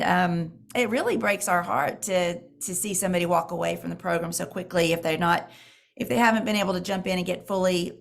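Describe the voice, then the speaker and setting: A middle-aged woman with a hoarse voice, chatting casually and haltingly as she hosts a Q&A, often restarting her sentences. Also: medium pitch. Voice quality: hoarse, creaky. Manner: rambling, halting, self-correcting. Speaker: diet program mentor and host. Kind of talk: casual live Q&A chat.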